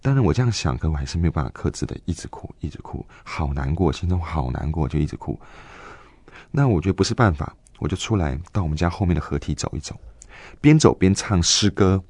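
A man in his twenties telling a personal faith story in an interview, earnest and halting, with many fillers and restarts. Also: deep voice, lively intonation, a little mellow, dry recording. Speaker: guest giving a faith testimony.

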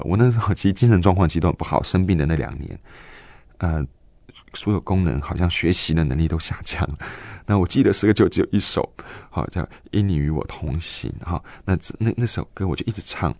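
A man in his twenties telling a personal faith story in an interview, earnest and halting, with many fillers and restarts. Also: low voice, lively intonation, darkish tone, no echo. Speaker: guest giving a faith testimony.

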